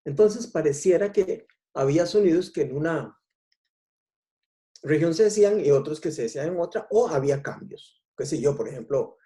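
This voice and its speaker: A man with a Costa Rican accent giving an explanatory public talk on language history, unhurried and pausing often with "eh". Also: a little high, lively intonation, mellow. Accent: Costa Rican Spanish. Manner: unhurried, explanatory, frequent "eh" pauses. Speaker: lecturer.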